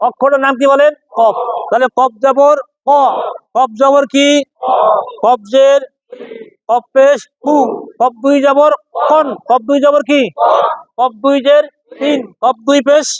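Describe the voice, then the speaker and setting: Man, Quran reading teacher, classroom drill, repetitive call-and-response, very high-pitched voice. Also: level tone, no room sound. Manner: repetitive, calls out questions, drawn-out chanting of letter names.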